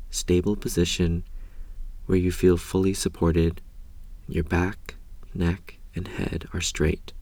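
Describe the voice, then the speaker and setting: A man leading a guided meditation in a calm, gentle, measured way, with a soft voice that turns breathy at the ends of phrases. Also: low-pitched, no echo. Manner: calm, gentle, measured delivery with long pauses. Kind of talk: slow guided meditation narration.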